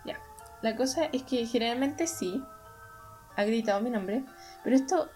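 A woman's voice: on the high side, normal speed, darkish tone, faint music behind. A young woman with a Chilean Spanish accent, telling a story in casual, rambling chat full of fillers. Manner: rambling, chatty, many fillers. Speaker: podcast co-host telling stories.

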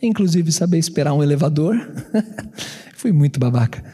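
Animated São Paulo pastor in a reverberant hall. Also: male voice, on the high side, moderate pace, husky. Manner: animated, acts out both sides of a quarrel. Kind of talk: storytelling sermon.

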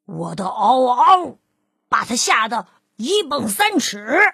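A woman voicing a proud, scheming male lion in a read-aloud storybook, speaking in a husky, lowered voice. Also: expressive, normal speed, dry recording, clean studio sound, heavily acted. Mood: boastful. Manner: hushed, plotting, then bragging.

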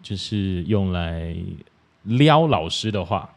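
A man with a Taiwanese Mandarin accent hosts a podcast in a casual, chatty style. His voice is low-pitched and expressive, and he speaks slowly.

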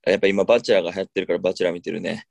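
A young man with a Kansai accent talks casually on a radio show. His voice is on the low side with plenty of fry. He sounds groggy and hesitant, in a close, dry recording. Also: steady tone, a little mellow, no echo. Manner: hesitant, slow-witted, groggy. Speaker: radio show co-host, novice comedian.

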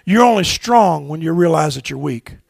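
A man preaching a sermon as pastor in a church, swinging from shouted exhortations to low, quiet asides and leading call-and-response with his congregation. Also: lively intonation, normal speed, creaky, no echo, studio quality. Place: church sanctuary.

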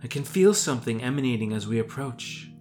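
A man voicing a young heroine in an audio fantasy story, speaking softly and with wonder. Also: mid-range voice, expressive, a little fast, soft background music, pitched above the performer's own voice, lightly acted. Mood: awed. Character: young woman hero sensing power.

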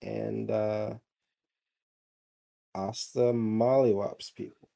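A man talking casually on a podcast with a warm, mellow tone. He rambles, restarts sentences and fills gaps with ums and likes. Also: lowish voice, level tone, extremely slow, creaky. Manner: rambling, many fillers and restarts. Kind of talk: casual chat.

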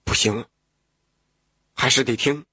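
A man's voice: medium pitch, fairly even intonation, slow, bright, forceful tone, slightly rough, dry recording, clean studio sound, full character voice. A man doing a folksy old woodcutter. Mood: anxious. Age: older. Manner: folksy, exclamatory, with sighs and chuckles. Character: simple, cheerful old woodcutter.

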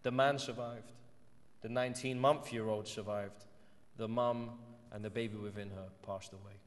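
A man with an English accent preaching a sermon earnestly, climbing to emphatic peaks and then dropping to a soft, low voice. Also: steady tone, moderate pace. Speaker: pastor. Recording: church hall reverb.

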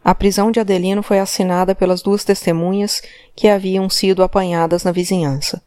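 A woman reading a novel aloud with steady, even narration. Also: medium pitch, a little fast, no room sound, studio quality. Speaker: audiobook narrator. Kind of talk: scripted narration.

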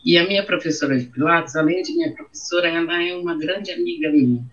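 A fast-talking middle-aged woman with a lowish voice and a Brazilian accent gives an interview about her own life. Emotional, she repeats her phrases often. The audio comes across dull and muffled.

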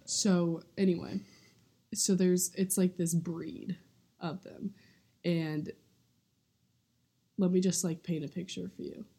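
A young woman chats casually on a podcast, speaking with vocal fry and a steady stream of "like." Her voice sits a little low, slow and unhurried, with a soft, dark, slightly husky color. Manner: vocal fry, heavy use of "like". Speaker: podcast co-host. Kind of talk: casual chat.

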